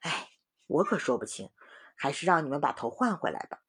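Lady doing a kind old doctor, low and gentle, bit husky. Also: big pitch swings, a little fast, heavily acted. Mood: mild. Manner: mild, gentle.

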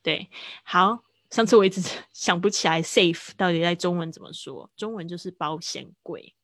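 Gravelly low-voiced woman teaching English words. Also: fairly bright tone, dry recording. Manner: explains slowly, repeats words for drill. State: hiccuping. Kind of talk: livestreamed vocabulary lesson.

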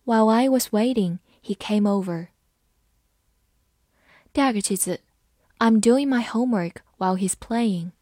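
A woman giving a scripted English vocabulary lesson, explaining words clearly and reading example sentences slowly. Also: on the high side, mellow, no echo, studio quality. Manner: clear, measured, slows down for model sentences. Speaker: English teacher.

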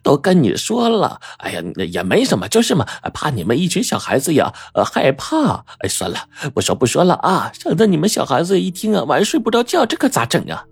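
A man's voice: on the high side, huge pitch swings, fairly quick, gravelly, few pauses, slightly rough, no room sound, pitched above the performer's own voice, full character voice. A man voicing a chatty, gossiping middle-aged village landlady, full of exclamations and fillers. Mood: indignant. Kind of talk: audiobook character voice.

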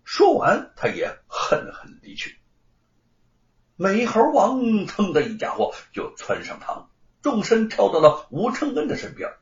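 A man narrating a historical audiobook story with an expressive, dramatic delivery. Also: sits high, measured pace. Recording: roomy, slightly dull recording.

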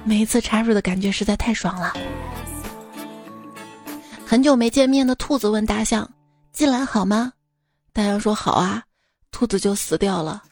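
A woman's voice: mid-range voice, moderate pace, long pauses, darkish tone, faint music behind. A young woman hosting a show, reading listener jokes aloud in a teasing, chatty way and laughing at her own punchlines. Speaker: radio-style host reading listener jokes. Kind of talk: playful joke-reading monologue.

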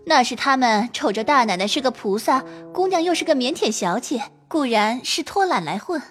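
A woman playing a clever young maid in an audio drama, sharp-tongued with the servants and smooth with her mistress. Her voice sits high and swings lively up and down, with faint music underneath. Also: normal speed, heavily acted. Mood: coaxing. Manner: scolding, then coaxing with a smile. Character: quick-witted young maid, sharp-tongued yet tactful.

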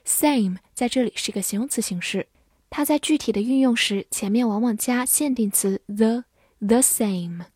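A woman teaching English vocabulary, spelling words letter by letter and modelling slow repetitions. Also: on the high side, darkish tone, slightly rough, no room sound, clean studio sound. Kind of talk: vocabulary lesson, spelling and slow read-alouds.

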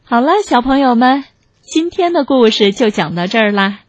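A woman reading a picture-book story aloud for children in a gentle, animated way. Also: on the high side, normal speed, no echo, dull audio.

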